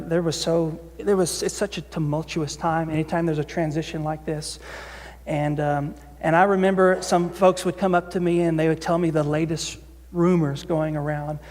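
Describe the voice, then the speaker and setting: High-voiced man preaching in a reverberant church. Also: darkish tone. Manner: conversational preaching with repeated restarts. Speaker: senior pastor. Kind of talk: sermon. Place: church sanctuary.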